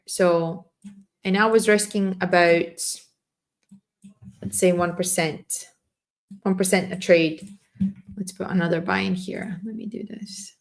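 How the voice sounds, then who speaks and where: A woman with a lowish voice hosts a live trading stream while losing her voice. She keeps clearing her throat and explains things loosely, often restarting her sentences.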